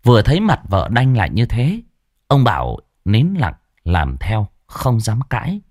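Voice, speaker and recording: Guy telling a ghost story, super lively voice, dry recording. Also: fairly low pitch, unhurried, no room sound. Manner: animated storytelling.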